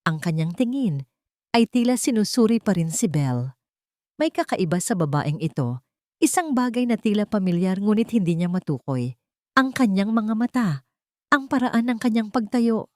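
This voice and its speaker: A woman with a Filipino accent narrates a scripted dramatic story. Her medium-pitched, slightly mellow voice swings widely in pitch at a moderate pace, captured in a dry, clean studio recording.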